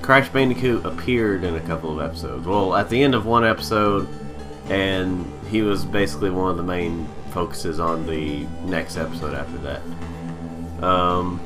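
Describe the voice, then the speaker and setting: A man hosting a casual let's play in a hesitant, rambling, self-deprecating way, sounding slightly distant from the microphone. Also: deep voice. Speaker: host of a gaming video series. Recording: slightly far from mic, music behind. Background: video game music.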